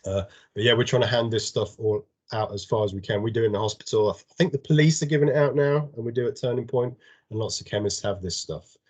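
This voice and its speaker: A man's voice: medium pitch, fast talker. A man giving an informal drug and alcohol awareness training over a video call, explaining plainly and often restarting his words. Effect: heard over a video call. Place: home or office on an online meeting. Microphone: computer or headset mic on a video call.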